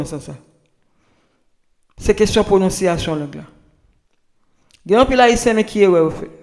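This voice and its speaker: Halting high-voiced Haitian man teaching. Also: darkish tone. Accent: Haitian Creole. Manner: repetitive, halting, many restarts. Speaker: language tips presenter. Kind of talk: informal spoken lesson.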